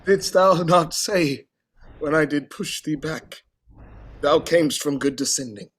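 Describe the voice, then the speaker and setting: A sorrowing king in classical stage verse. His voice is fairly high for a man and rough-edged. He takes the lines slowly and haltingly, with theatrical swells from hushed doubt to anguish. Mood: grieving, intent. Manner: theatrical, declamatory, halting, swinging from hushed to outcry. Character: grief-worn, long-suffering king, anguished, hoping and doubting.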